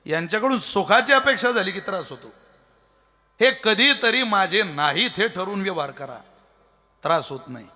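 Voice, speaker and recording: A man's voice: high-pitched, expressive, normal speed, bright, forceful tone. A man giving a devotional sermon as a kirtan preacher, folksy and joking, throwing out rhetorical questions.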